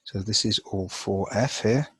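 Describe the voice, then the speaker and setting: A man with a lowish, slightly husky voice walks through a chemistry lesson, thinking aloud as he marks up a chart. He talks in a loose, unscripted way, full of fillers and restarts. The sound is dry and close. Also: measured pace, fairly bright tone, no echo, poor audio. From England. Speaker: chemistry teacher. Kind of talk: informal lesson over a drawn screen.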